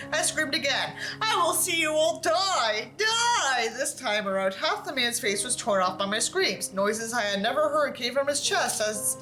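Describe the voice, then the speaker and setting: Reading a book aloud with sarcastic, theatrical flair and dry asides, this female host mocks the text as she goes. Her voice is fairly high, bright and forceful, and the recording is rough.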